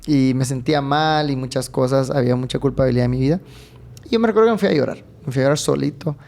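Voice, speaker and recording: A man's voice: medium pitch, quick pace, creaky, a little mellow. A man co-hosting a casual faith podcast, telling a personal story with frequent laughter and local slang. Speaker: podcast co-host.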